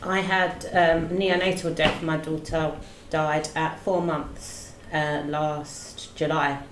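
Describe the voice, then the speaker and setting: A fairly low-voiced woman from London co-hosts a podcast. She speaks softly and with hesitation, a little off mic in an echoing room. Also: flat delivery, slow, a little hiss or hum. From London, England. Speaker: podcast co-host. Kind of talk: podcast discussion. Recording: roomy echo, a bit off mic.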